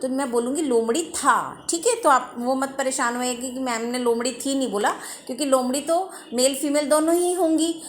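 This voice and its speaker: A woman teacher reads a children's story slowly in English and explains each line at length in Hindi. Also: sits high, slight background noise. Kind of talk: bilingual storybook lesson.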